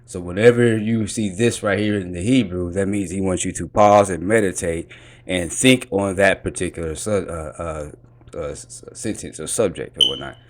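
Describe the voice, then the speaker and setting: A man's voice: low-pitched, normal speed, a little hiss or hum. A man in casual commentary, explaining and correcting points step by step and repeating himself as he goes. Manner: explains points over and over, repeats "you know what I'm saying". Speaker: commentator reacting to a teaching clip.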